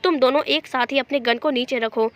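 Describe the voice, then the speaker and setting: A man's voice: very high voice, steady tone, brisk, a bit bright. Woman voicing a firm older male brother. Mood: firm pleading. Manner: firm, commanding. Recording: dull lo-fi.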